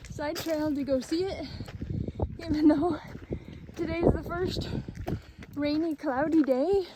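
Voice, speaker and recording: Upbeat middle-aged woman, high voice, unhurried, narrating outdoors to a handheld camera with clear background noise. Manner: chatty, upbeat, laughs often. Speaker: family hiking vlogger. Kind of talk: casual trail vlog narration. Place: outdoors on a hiking trail. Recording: noisy outdoor recording.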